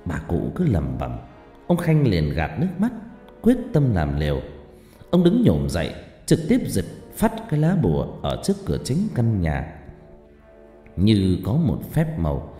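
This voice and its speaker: Dramatic horror storyteller guy, pitch all over the place, echoey, soft music under. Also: huge pitch swings, a little slow. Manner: dramatic, swinging between tense and hushed. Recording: heavy reverb, faint music behind.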